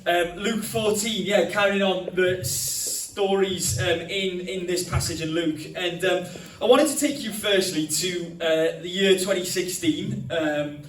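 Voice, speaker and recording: A young Welshman preaches a sermon in a church hall, telling stories in a chatty way with many ums. His high-pitched, slightly bright voice runs a little slow with hardly any pauses. He uses a handheld mic, recorded from a distance in the echoey hall with slight background noise.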